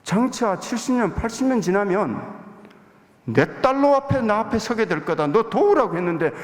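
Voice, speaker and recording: A man's voice: big pitch swings, normal speed. A pastor voicing God as a stern male voice that rebukes him, heard with hall reverb. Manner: rebuking, raised pitch.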